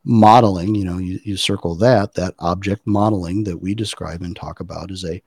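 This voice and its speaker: A middle-aged man with a very low voice talks through design methods in a relaxed podcast chat. He explains at length and thinks aloud, with fillers and restarts. The sound is dry and close. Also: moderate pace, breathy edge, no room sound. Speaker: podcast guest, design practitioner. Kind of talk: casual conversational podcast.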